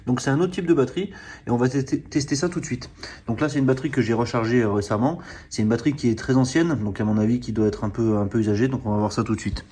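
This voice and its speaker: Fast-talking man with a mellow voice. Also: medium pitch, breathy edge. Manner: explanatory, hesitant with many fillers and restarts. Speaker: car channel host reviewing a diagnostic tool. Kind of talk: hands-on product demonstration.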